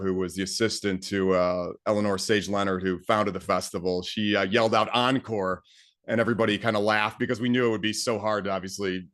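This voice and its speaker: A man's voice: low-pitched, a bit bright. A man talking as a guest composer in a casual interview, enthusiastic and full of fillers and restarts.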